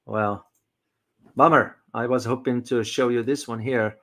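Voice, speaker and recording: A middle-aged man hosting a casual community livestream, talking in a halting way with many fillers and restarts. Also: mid-range voice, steady tone, pushed and bright. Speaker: host.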